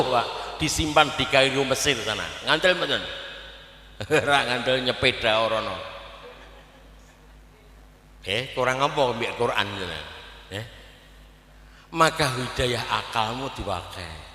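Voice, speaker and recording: A man with a Javanese accent preaching a humorous sermon at a live gathering, lively and joking, often speaking straight to the audience. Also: medium pitch. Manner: lively, switching between preaching and jokes, often addressing the audience. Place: live outdoor religious gathering. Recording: echoey live event sound with long reverb.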